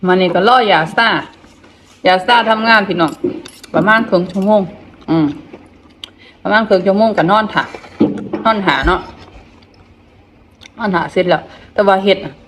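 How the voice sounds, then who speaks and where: A middle-aged woman with an Isan accent talks in a casual, halting way with food in her mouth. Her pitch is medium, and she often repeats a phrase or murmurs between bites. A light ambient noise sits behind her voice. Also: a bit bright. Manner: talks with mouth full while eating. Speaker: vlogger. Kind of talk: casual chat while eating on camera.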